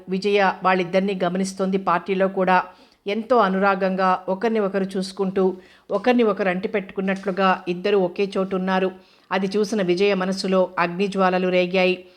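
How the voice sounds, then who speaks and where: A woman reading a novel aloud as audiobook narrator, steady and even. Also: medium pitch.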